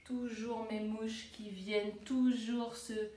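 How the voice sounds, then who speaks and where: A woman preschool teacher giving a home video lesson to young children, slow and gentle, sounding out words syllable by syllable, recorded on a tablet at home in the countryside. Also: fairly high pitch, little pitch movement, distant mic. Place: countryside home, flies around. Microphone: tablet camera. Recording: roomy tablet recording with faint ambience.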